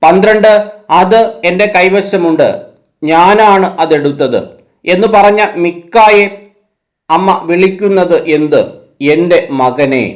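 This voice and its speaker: A man, teaching a Bible quiz as host, reading out numbered questions and then giving each answer in a lower, quieter voice. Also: slow, pauses often.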